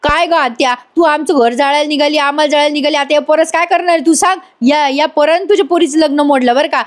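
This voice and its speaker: A woman's voice: high-pitched, steady tone, fast, pitched above the performer's own voice, natural voice. A woman voicing a joking young village man who wisecracks through every scene. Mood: wisecracking.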